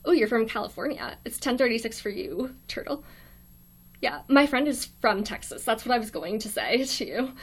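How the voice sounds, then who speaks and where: A young American woman with a slightly high voice talks softly and a bit shyly on a livestream, answering viewer comments one by one. She fills her pauses with ums and small laughs, and her tone stays friendly and low-key, like someone chatting from a quiet dorm room. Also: lively intonation, breathy edge. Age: young adult. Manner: shy and quiet, laughs often, many ums. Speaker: livestream host. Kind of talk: casual livestream chat, reading viewer comments aloud.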